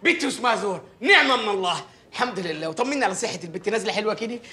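An actor with an Egyptian accent playing an excitable, exasperated man in a film comedy, ranting fast. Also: high-pitched, slightly rough, exaggerated voice. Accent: Egyptian Arabic. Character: excitable male village mayor and doctor. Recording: film soundtrack with music behind.

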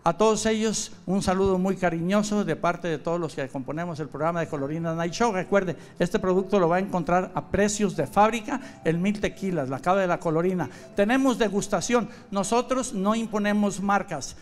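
A man's voice: fairly quick, few pauses. A man reading a friendly, formal sponsor announcement on a talk show. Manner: steady sales pitch, friendly and formal.

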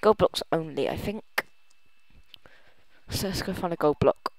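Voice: medium pitch, unhurried, no echo. A gamer giving casual commentary while playing, rambling and thinking aloud, often trailing off mid-sentence. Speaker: let's play gamer.

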